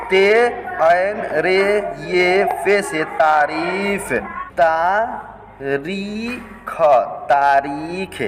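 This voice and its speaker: A man's voice: high voice, big-room sound, background noise. A man teaching a language lesson, patiently spelling out letters and repeating each word twice. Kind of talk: slow step-by-step script lesson.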